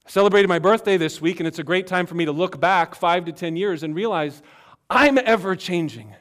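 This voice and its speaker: A man preaching a sermon as pastor, earnest and emphatic, swinging between loud passages and hushed ones. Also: high voice, brisk.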